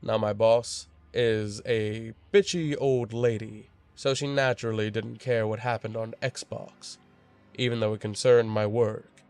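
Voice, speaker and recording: A man's voice: on the low side, steady tone, unhurried, darkish tone, clean tone. A young man narrating a true scary story in a casual, wry storytelling voice.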